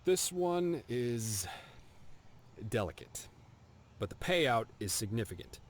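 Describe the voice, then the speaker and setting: Brief: man voicing a stern officer in a game, formal and clipped, mid-pitched voice, faint hiss behind. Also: big pitch swings, slow pace. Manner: formal, clipped, contemptuous of traitors. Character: stern male military officer handing out a kill contract. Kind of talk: video game dialogue.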